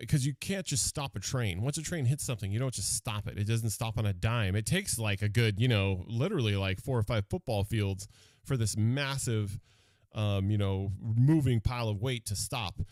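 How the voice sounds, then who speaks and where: A man telling a personal story on radio in a rambling, animated way, with many restarts. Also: medium pitch, no room sound.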